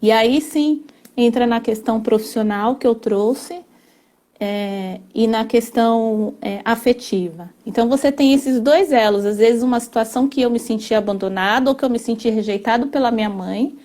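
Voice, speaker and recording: A woman talks earnestly as a family constellation therapist, pausing often and checking in with little tag questions. Her voice sits a bit high and sounds soft and mellow. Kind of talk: explanatory conversation.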